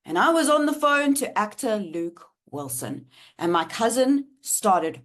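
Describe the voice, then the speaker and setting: A woman's voice: mid-range voice, big pitch swings, unhurried, fairly bright tone. A woman, telling a candid storytime vlog and swearing freely. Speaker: vlogger.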